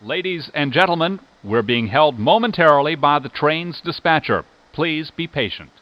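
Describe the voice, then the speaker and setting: A man giving formal, measured recorded transit service announcements. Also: on the high side, animated, dull audio. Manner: formal, measured public-address delivery. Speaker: train announcer. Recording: noisy recording inside a train. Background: train vehicle noise.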